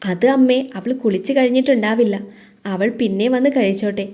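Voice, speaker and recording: Woman reading a boyish groom who mocks his dad, mellow audio-story voice. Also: fairly high pitch, a little fast, lightly acted. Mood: cheeky. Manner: cheeky, mocking. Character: cheeky newly married young man.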